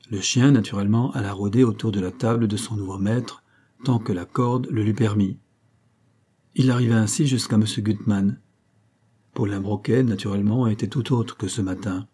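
A man reading a novel aloud in a measured, steady storytelling manner. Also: lowish voice, husky. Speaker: audiobook narrator. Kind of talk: scripted narration.

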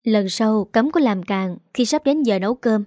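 A woman's voice: a little high, expressive, moderate pace, no room sound, studio quality, close to an everyday voice. A woman voicing a shy young wife and mother. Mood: scolding. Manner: gently scolding.

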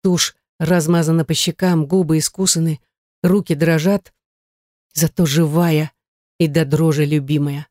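An audiobook narrator reading a novel aloud in a steady, dramatic way. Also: mid-range voice, normal speed, dry recording, clean studio sound. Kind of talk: scripted narration.

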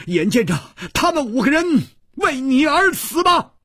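A man voicing a furious, desperate husband who shouts in a hoarse, strained voice. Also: high-pitched, huge pitch swings, extremely slow, dry recording, studio quality, pitched above the performer's own voice, full character voice. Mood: shrill furious.

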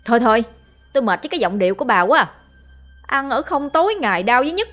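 A woman voicing a spiteful young daughter-in-law who nags and scolds fast. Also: medium pitch, lively intonation, fairly bright tone, faint music behind, close to an everyday voice. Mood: shrill scolding.

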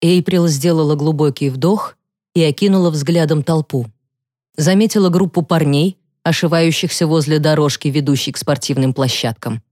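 A woman narrating a psychological thriller audiobook in the first person with a steady, measured reading. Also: sits low, no room sound, studio quality.

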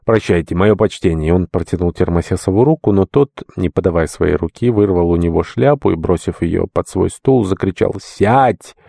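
A man reads a classic novel aloud in a measured, steady narration. His voice is low and dark. It is mellow and dry, recorded close. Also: vocal fry, no room sound. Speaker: audiobook narrator. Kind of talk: literary audiobook reading.

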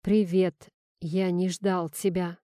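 A woman's voice: fairly low pitch, flat delivery, slow, mellow, clear, resonant tone, dry recording, studio quality. A woman reading a wary, rattled grown man. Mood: stunned. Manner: guarded, reluctant.

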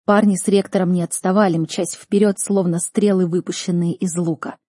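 A woman narrating a first-person audiobook in an earnest, expressive manner. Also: lowish voice, normal speed, breathy edge, dry recording, clean studio sound.

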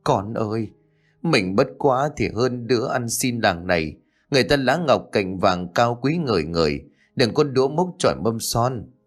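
A man's voice: medium pitch, animated, moderate pace, faint music behind, natural voice. A man voicing a poor elderly village mother, tearful and trembling as she pleads and scolds. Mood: pleading.

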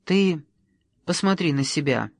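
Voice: mid-range voice, expressive, measured pace, vocal fry, no echo, studio quality. An audiobook reader voicing a stern, commanding adult woman who speaks in a curt, cold, scolding way. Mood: cool.

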